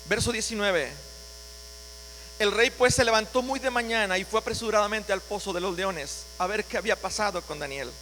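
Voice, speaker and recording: A man's voice: high-pitched, bright, forceful tone, big-room sound, slight background noise, rough recording. A man preaching a sermon as pastor, dramatically voicing scripture passages. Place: church.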